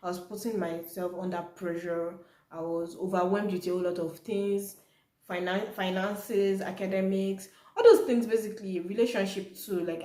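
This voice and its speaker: Speaking to her audience in an easygoing, conversational vlog, a young Nigerian woman with Yoruba as her first language has a lowish voice with a somewhat dark tone. Echo from the room is audible.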